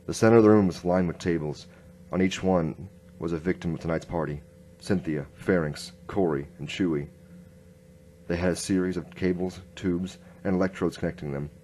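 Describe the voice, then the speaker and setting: Narrating a noir radio drama as a hard-boiled inspector, a man speaks in a very low, slightly mellow, natural voice at a moderate pace. His narration is terse and grim, with faint background noise behind it.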